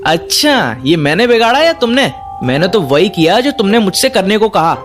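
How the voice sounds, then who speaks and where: A man's voice: sits high, sing-song, moderate pace, fairly bright tone, soft background music. A man playing a flustered young boyfriend. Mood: sheepish. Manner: defensive, apologetic. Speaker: actor. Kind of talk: Hindi audio drama acting.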